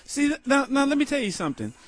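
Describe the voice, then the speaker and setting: High-pitched man, emphatic podcast hype talk. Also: huge pitch swings, fast talker. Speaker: podcast co-host. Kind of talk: casual profane banter.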